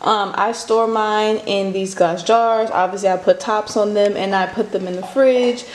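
A woman's voice: medium pitch, fairly even intonation, normal speed. A woman vlogger giving a casual how-to chat, rambling with many fillers into a handheld phone. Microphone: handheld phone mic. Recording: echoey room with faint noise.

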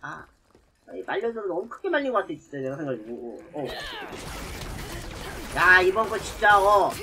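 A man streaming a game live, talking himself through each move and yelling at enemies, with many filler sounds. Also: sits high, sing-song, normal speed. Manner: talks to himself while playing, shouts at enemies; frequent filler sounds between actions. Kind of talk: live gameplay commentary.

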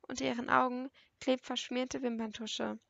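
A woman narrating a first-person novel as an audiobook, in an intimate, even storytelling manner. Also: fairly high pitch, normal speed, gravelly, no room sound, muffled recording.

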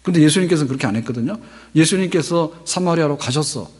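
Standing at the pulpit of a large sanctuary, a fifty-something pastor delivers his sermon through a microphone on a stand, chatting with the congregation and asking them rhetorical questions. He talks fast in a slightly high, somewhat mellow voice with a breathy edge and lively intonation. The hall adds long reverb.

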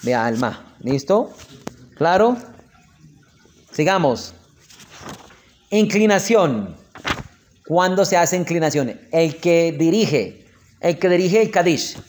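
A man with a Colombian Spanish accent teaching a lesson on prayer customs, explaining step by step, slowing down to spell out the prayer words and often checking in with his listeners. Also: high voice, expressive, darkish tone.

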